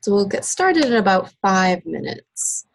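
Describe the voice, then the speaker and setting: A woman's voice: medium pitch, sing-song, a little slow, gravelly, a little hiss or hum, low-quality recording. A woman hosting an online webinar, chatting casually with attendees as they join and greeting them by name. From United States. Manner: friendly, chatty, reads out chat names. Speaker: webinar host. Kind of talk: casual chat before a webinar.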